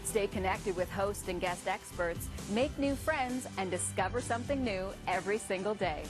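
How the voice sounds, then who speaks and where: A woman's voice: mid-range voice, moderate pace. A woman reading a scripted home shopping channel promo as an announcer. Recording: music bed behind voice.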